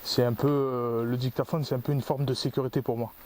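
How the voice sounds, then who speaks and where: A man's voice: mid-range voice, level tone, a little fast, darkish tone. A man hosting a paranormal investigation outdoors in a forest, rambling as he explains his gear. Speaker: paranormal investigator, channel host. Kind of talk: casual on-location commentary.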